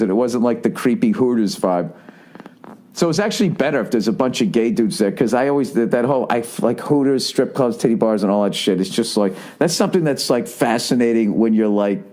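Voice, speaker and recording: A man's voice: medium pitch, darkish tone. A man who is a comedian, telling stories in a rambling, profane podcast monologue and often checking in with the listener.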